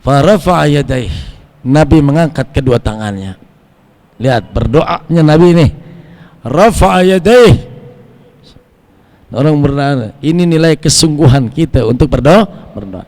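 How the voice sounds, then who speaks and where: A man's voice: mid-range voice, moderate pace. A man giving a sermon at a mosque study circle, mixing Arabic recitation into his teaching. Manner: animated, rising and falling delivery with Arabic recitation. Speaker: religious teacher. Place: mosque hall. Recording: long mosque hall reverb.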